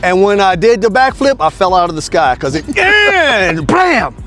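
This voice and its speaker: Sixty-ish guy hosting, high voice, laughs a lot, faint music under it. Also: big pitch swings. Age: 60s. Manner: friendly, quick to laugh. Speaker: podcast host. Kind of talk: casual chat.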